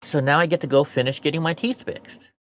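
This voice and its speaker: This male voice sits on the high side, steady in tone, a little fast and slightly bright, with faint background noise. An American streamer and show host with missing front teeth, he rambles and swears while venting casually and bluntly to his viewers.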